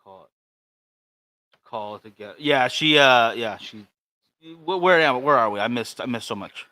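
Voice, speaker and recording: A man's voice: mid-range voice, lively intonation, normal speed, sharp tone, no echo, poor audio. A man co-hosting a livestream in casual chat, with dry, teasing grumbles. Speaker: co-host of a cigar show.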